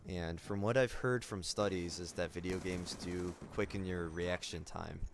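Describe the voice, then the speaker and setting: A young man talking in a casual vlog, subdued and somber, halting with many fillers and restarts. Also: deep voice, fairly even intonation, creaky, a little hiss or hum. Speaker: gaming YouTuber.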